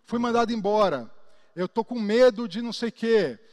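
A man with a Brazilian Portuguese accent gives a lecture to a class in a high voice. He is animated, acting out examples and checking in with his listeners. His voice carries a long hall reverb. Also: normal speed. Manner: animated, acts out examples and asks the audience questions. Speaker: instructor.

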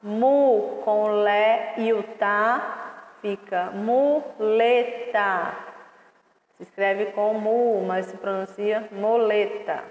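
A woman teaching an online class to young children, sounding out syllables slowly and patiently. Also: mid-range voice, steady tone, muffled recording. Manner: slow, drawn-out syllables, patient and instructive. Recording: echoey room with long reverb.

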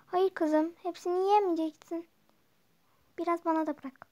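A caring but strict young mother in a toy role-play game, put on by a girl. Her voice sits very high and light. She fusses and scolds her daughter, warning her again and again. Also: fairly even intonation, moderate pace, darkish tone. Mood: scolding. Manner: scolding, fussing.

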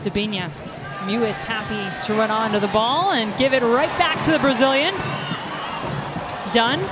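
A woman's voice: a little high, moderate pace, heavy background noise. A woman giving live soccer play-by-play in clipped phrases. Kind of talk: live match commentary. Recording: stadium crowd roar and music.

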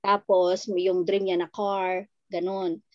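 A woman, a mother telling a lively family story in casual chat. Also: mid-range voice, takes it slowly, no echo, lo-fi sound. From Philippines. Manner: animated storytelling, quoting family.

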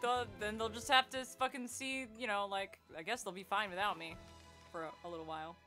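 Casting: female game streamer, bright voice, sweary and informal, soft music behind her. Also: mid-range voice, fairly even intonation, brisk. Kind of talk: casual livestream chat.

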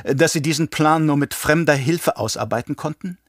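A man's voice: on the high side, normal speed, no room sound, clean studio sound, pitched above the performer's own voice, natural voice. A man reading an audiobook and voicing a sly, mocking assassin advisor who taunts his master. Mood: taunting. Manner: smug, taunting.

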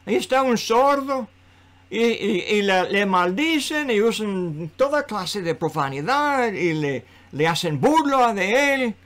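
Man, preacher, slow and earnest, slightly high voice, repeats himself for emphasis. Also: very animated, fairly bright tone. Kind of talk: sermon.

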